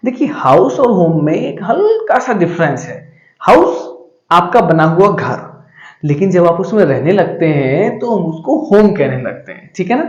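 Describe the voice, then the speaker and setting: A man teaching grammar, asking questions and answering them himself, and slowing down to dictate each example sentence. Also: high voice, sing-song, echoey room, dull audio. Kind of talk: classroom grammar lesson.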